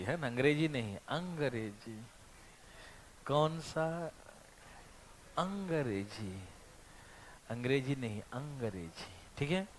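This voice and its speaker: A male math teacher lectures his class in a slightly high voice, teasing the students and checking in with them constantly.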